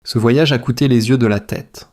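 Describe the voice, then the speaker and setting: In a medium-pitched, somewhat mellow voice, a man teaches through language drills, repeating them in a measured way phrase by phrase for shadowing practice.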